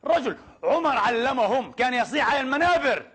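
A man delivers an impassioned sermon at a rapid clip. His voice sits high for a man and has a husky edge. He presses his points hard with emphatic rhetorical questions. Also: expressive, fairly bright tone. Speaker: preacher.

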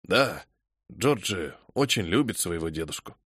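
A man voicing a feeble, fussy old father-in-law who mumbles quietly in a flustered way. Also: low-pitched, lively intonation, a little slow, breathy edge, no echo, clean studio sound, pitched below the performer's own voice, heavily acted. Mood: mumbling.

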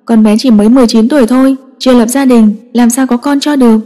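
Mellow-voiced woman reading a story. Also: fairly high pitch, fast talker. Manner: steady, emotive reading. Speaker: narrator. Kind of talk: scripted story narration. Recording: long echoing reverb.

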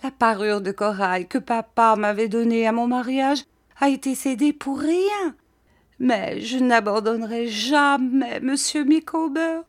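Woman doing a high tearful wife, declaiming, distraught, audiobook figure. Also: big pitch swings, unhurried, darkish tone. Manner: declaiming, rising to cries. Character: distraught devoted middle-aged wife, shrill. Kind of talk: audiobook reading.

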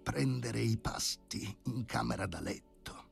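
A man's voice: lowish voice, measured pace, gravelly, soft background music, pitched above the performer's own voice. A man reading an audiobook, voicing an indignant aging male professor who speaks with haughty, scornful politeness. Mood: mocking.

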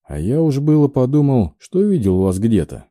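A man's voice: medium pitch, sing-song, normal speed, mellow, dry recording, clean studio sound, close to an everyday voice. A man playing a smug young aristocrat in an audiobook, with a condescending drawl.

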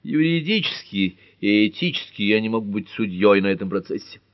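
A dry, unflappable old judge from a detective audiobook, voiced by a man. He speaks low and matter-of-fact, waving off fuss, with a close, dry sound. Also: animated, brisk, no room sound, close to an everyday voice. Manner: dry, dismissive. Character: elderly dry-witted male judge.

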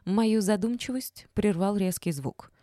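A woman reading a first-person novel aloud as audiobook narrator, in a wry, measured storytelling manner. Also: mid-range voice, warm tone, no room sound, studio quality.

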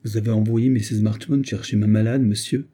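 A man's voice: fairly low pitch, steady tone, fairly quick, mellow, slightly rough. A man reading an audiobook, voicing a frightened, deferential housekeeper woman. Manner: timid, deferential.

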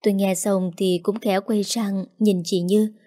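A woman's voice: medium pitch, flat delivery, measured pace, dark tone. A woman narrating a first-person audio story with an emotional, heartfelt manner.

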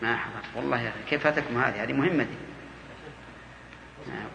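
Brisk man quizzing his grammar class. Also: medium pitch, vocal fry, sharp tone, a little hiss or hum. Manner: quizzing, brisk, prodding students with short questions. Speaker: teacher of Arabic grammar. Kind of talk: classroom questioning of students. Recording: dull, echoey lecture hall recording.

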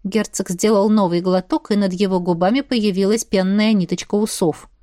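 A woman reading a first-person audiobook in a lively, eager manner. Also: mid-range voice, moderate pace, dry recording, clean studio sound. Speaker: audiobook narrator.

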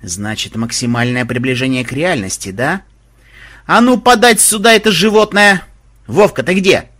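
A husky-voiced man voicing a hot-headed, stubborn male warrior who yells and blusters. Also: medium pitch, lively intonation, normal speed. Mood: belligerent. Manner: yelling in bursts, blustering.

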